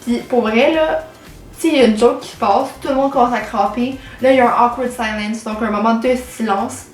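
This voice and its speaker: A woman's voice: a little high, fairly quick. Chatty Québécois teen girl, echoey room. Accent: Québécois French. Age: late teens. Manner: chatty, many fillers and anglicisms. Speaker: vlogger. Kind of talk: casual chat to camera. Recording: echoey room with faint music.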